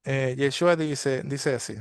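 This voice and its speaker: A man's voice: mid-range voice, steady tone, slow pace, smooth, dry recording, clean studio sound. A man teaching a daily Torah study, talking with many fillers and restarts. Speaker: congregation teacher.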